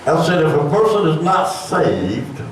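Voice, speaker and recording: A man's voice: on the high side, sing-song, unhurried. An older man preaching a sermon in a folksy, conversational way that climbs into emphatic bursts. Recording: echoey church room from far off, faint room noise.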